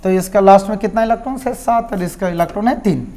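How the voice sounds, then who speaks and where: A man's voice: sits high, fast talker, dark tone. A male chemistry teacher with a Jharkhand Hindi accent, giving a classroom lecture and often checking in with his students and answering his own questions.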